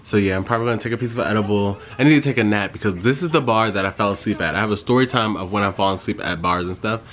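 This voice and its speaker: Chatty young man with a lowish voice. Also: very fast, fairly bright tone. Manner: rambling, chatty storytelling with frequent "like". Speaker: vlogger. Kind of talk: casual vlog chat. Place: in his car, then at home.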